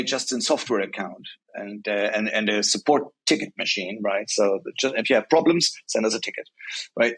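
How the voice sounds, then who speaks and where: Male interview guest, mid pitch, walks through points in order and keeps checking in with "right?". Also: fairly bright tone, breathy edge, rough recording. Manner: explains point by point, often adds "right?". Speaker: guest, software company regional director. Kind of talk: casual interview talk.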